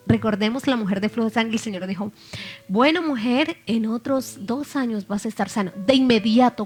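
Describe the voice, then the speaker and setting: A woman's voice: a little high, darkish tone. Woman preaching a sermon over faint music. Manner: reads scripture aloud, then asks the listeners questions.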